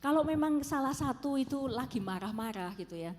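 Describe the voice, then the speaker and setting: A woman from Solo with a Javanese accent, a preacher answering questions in a relaxed, conversational way and often checking in with her listeners. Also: high voice, a little fast, in a large hall, slight background noise. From Solo, Central Java. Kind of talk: church Q&A talk.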